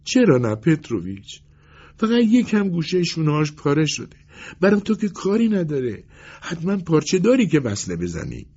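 A man's voice: on the high side, sing-song, vocal fry, darkish tone, pitched above the performer's own voice, full character voice. Man putting on a meek, pleading little clerk. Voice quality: pleading, hesitant. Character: meek timid poor male clerk. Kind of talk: audiobook character voice. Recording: dull lo-fi recording.

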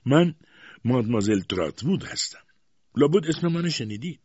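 A man's voice: on the low side, sing-song, slightly rough, no room sound, voice pushed up, exaggerated voice. A man voicing a stern, harsh older spinster aunt who speaks coldly and mockingly, in a dull, dry lo-fi recording.

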